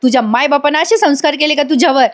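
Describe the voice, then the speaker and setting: A woman's voice: high voice, quick pace, close to an everyday voice. A woman voicing an angry older village aunt who scolds sharply. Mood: scolding.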